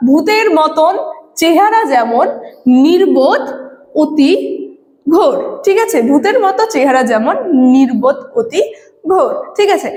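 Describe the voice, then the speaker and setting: A woman's voice: high-pitched, a little mellow. A woman teacher giving a classroom lecture, explaining patiently and often checking in with her students. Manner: explains patiently, often adds tag questions. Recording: echoey room reverb.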